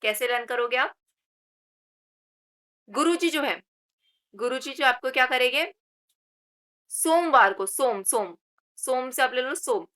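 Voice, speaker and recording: A female exam coaching teacher with a high, sharp voice gives a Hindi general knowledge lesson for government exams, using memory tricks. She repeats key words, asks rhetorical questions, and mixes English words into her Hindi.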